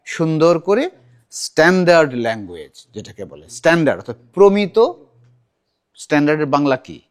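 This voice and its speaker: Man teaching kids recitation, lively swooping voice, slightly high, keeps asking questions. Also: fairly quick. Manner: animated, asks the class many questions. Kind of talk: teaching a children's class.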